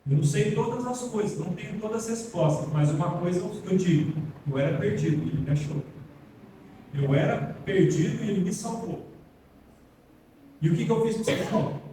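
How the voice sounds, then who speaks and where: A pastor from Brazil addresses his congregation as brothers in a sincere, plain-talking sermon, his high voice expressive, moderately paced and full of pauses. The church hall echoes, he sounds distant, and the background is noisy.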